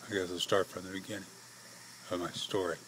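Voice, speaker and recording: Frail, breathless American man, low monotone. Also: slight background noise, rough recording. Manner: halting, short phrases with pauses. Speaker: patient telling own life story. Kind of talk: personal testimony to camera.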